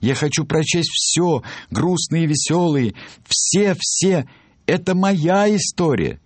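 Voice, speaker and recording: Man putting on a high insistent reader. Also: lively intonation, slow, slightly rough, no echo, full character voice. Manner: demanding, emphatic. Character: insistent eager male reader character.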